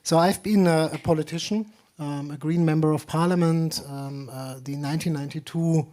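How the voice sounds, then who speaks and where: Man from Germany, middle-aged, panel speaker, halting with fillers, wry. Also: on the high side, steady tone, a little mellow. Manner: hesitant, many fillers, wry humor. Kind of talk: panel discussion.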